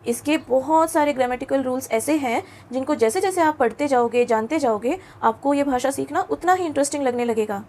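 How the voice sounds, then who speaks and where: In a lesson for schoolchildren, a woman with a high, light, slightly mellow voice coaxes her class along patiently. She keeps checking in with questions, blends English words into her speech, and slows to pronounce each letter clearly.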